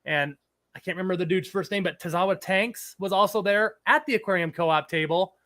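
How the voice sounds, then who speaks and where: A livestream host with a fairly high voice talks fairly quickly, his throat slightly scratchy from a cold. He chats and rambles at ease, reading the chat aloud and pausing to greet viewers.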